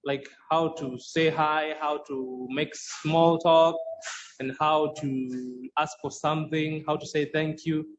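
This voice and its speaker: This Swahili course creator talks slowly, his fairly high voice keeping a fairly even intonation, as he explains his teaching in a podcast interview. He sounds earnest and repeatedly restarts sentences while searching for words. The recording has a dull, lo-fi quality with faint background noise.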